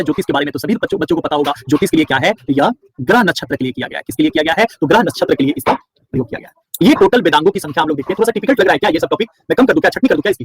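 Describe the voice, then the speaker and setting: A man's voice: a little high, slightly rough, no room sound. A male teacher from Bihar gives an online class lecture, quizzing his students and then answering each question himself, with words repeated for stress.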